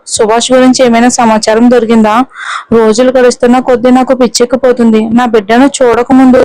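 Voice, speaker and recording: Woman reading sad young mom pleading for her baby, higher voice, flat. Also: no room sound, close to an everyday voice, rough recording. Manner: pleading, sorrowful. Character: grieving young mother longing for her baby.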